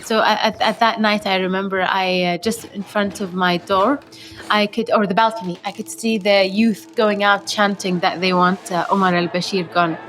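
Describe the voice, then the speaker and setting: A woman's voice: mid-range voice, steady tone, moderate pace, a bit bright, some chatter behind. A woman from Yemen, an aid worker, recounting her experiences in a hesitant, reflective way with many fillers and restarts.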